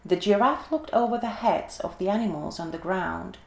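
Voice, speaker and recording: A woman gently and expressively reading a children's story aloud in an echoey room. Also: mid-range voice, moderate pace, creaky.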